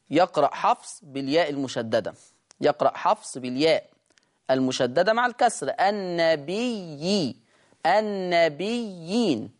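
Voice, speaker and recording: Egyptian Quran teacher, brisk then drawn-out. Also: medium pitch. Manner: brisk explanation, slow drawn-out demonstration of words. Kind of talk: recitation lesson.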